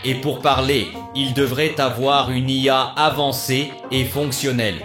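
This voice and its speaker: A man voicing a talking toy robot with artificial intelligence, using a robot voice that is flat and precise and talks in calculations. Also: mid-range voice, unhurried. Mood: logical. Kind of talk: cartoon voice acting. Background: children's music.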